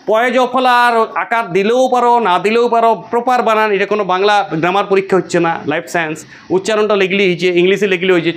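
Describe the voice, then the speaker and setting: A man teaching biology to a class, drilling his students with repeated questions and answers in an insistent way. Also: fairly bright tone. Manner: quick, high-pitched and insistent.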